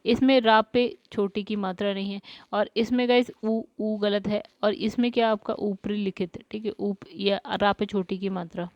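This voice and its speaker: A woman teaches an exam spelling lesson, working through each word and saying it again as she checks it. Her voice sits at an ordinary middle pitch. The recording is dry and a little dull, like a lo-fi home setup. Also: fairly even intonation, normal speed, darkish tone, dry recording. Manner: explains step by step, repeats words, says "guys" often. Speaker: Hindi exam tutor.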